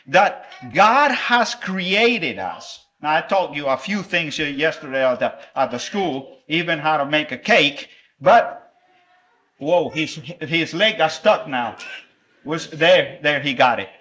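A male preacher from El Salvador, a native Spanish speaker, speaks in a bright, fairly high voice with slight background noise. He's warm, animated and playful with the children during his sermon's object lesson, making a few halting restarts.

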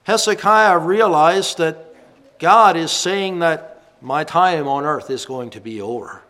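A man's voice: fairly high pitch, takes it slowly, bright, forceful tone. A man in his fifties, a minister giving a reflective sermon and reminiscing about the past. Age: 50s.

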